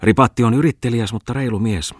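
A man's voice: medium pitch, husky, no echo, studio quality, pitched above the performer's own voice, lightly acted. A man reading an audiobook voices a stout, wealthy businessman who probes and talks down to people in a self-assured way. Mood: dismissive. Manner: probing, condescending, chuckling. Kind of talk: audiobook character voice.

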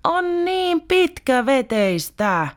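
A woman's voice: a little high, very animated, pitched above the performer's own voice. A woman reading a storybook, voicing a bored, restless young child who keeps calling for attention in a whiny, pleading way.

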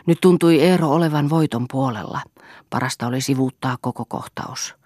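A woman narrating a literary novel as an audiobook in a measured way, often dropping to a hushed, breathy tone. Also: very deep voice, no echo, clean studio sound.

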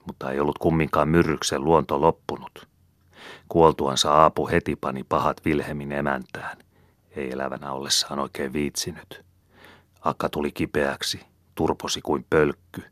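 Man reading an audiobook, extremely deep voice, dry close sound. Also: no echo. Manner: steady measured storytelling. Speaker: audiobook reader. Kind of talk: scripted narration.

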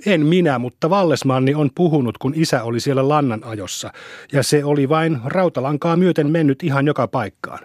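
A man's voice: on the high side, darkish tone, dry recording, studio quality, lightly acted. A man voicing a boastful little village boy who eagerly explains things he half understands. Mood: explaining.

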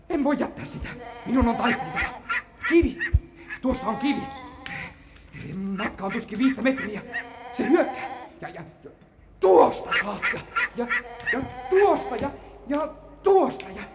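Plucky young herd boy, high and eager, old radio play with faint hiss. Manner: eager, breathless, excitable. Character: brave young boy Giorgio, mountain goat herder. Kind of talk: 1950s school radio drama.

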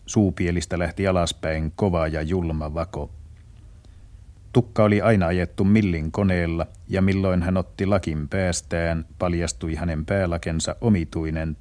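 A man narrates a radio play in a measured, descriptive reading. His voice is low. The tone stays dark and mellow.

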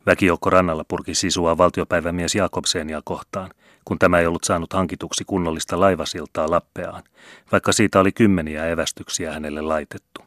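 A man reading a novel aloud as an audiobook narrator, with a measured, even storytelling delivery. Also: low-pitched, no room sound, studio quality. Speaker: audiobook reader. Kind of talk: scripted literary narration.

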